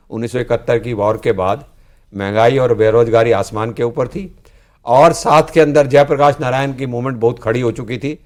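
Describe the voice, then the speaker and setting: An older man, a senior politician, earnestly explaining past events in a studio discussion in speech. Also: medium pitch. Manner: earnest, explanatory, frequently ends with "जी". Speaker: political guest, former student leader.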